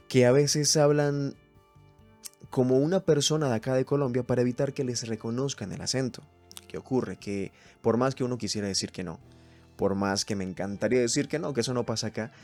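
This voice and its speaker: A man's voice: medium pitch, a little mellow. A man from Venezuela hosting a solo podcast, thinking aloud as he reads points from a list and comments on each one. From Mérida, Venezuela. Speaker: podcast host. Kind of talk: solo reflective podcast chat.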